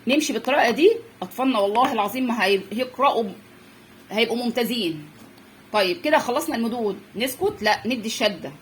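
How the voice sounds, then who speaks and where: A young woman with an Egyptian Arabic accent gives parents a phonics lesson on children's reading, drilling letter sounds and stretching out words as she repeats them. Her voice is on the high side, quick and lively in intonation, with a little hiss or hum.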